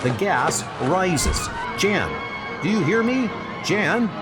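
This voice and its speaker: An earnest, stern comic-book scientist hero, acted by a man. He speaks dramatically with lively swings in pitch, over loud music. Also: slow, a loud crowd, exaggerated voice. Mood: urgent. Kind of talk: comic-book dub acting.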